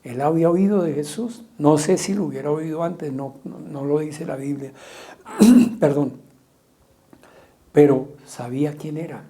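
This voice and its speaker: A man preaching a sermon as pastor, asking repeated rhetorical questions and loudly acting out quoted cries. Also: fairly high pitch, steady tone, moderate pace. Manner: rhetorical questions, dramatic quoting of shouts.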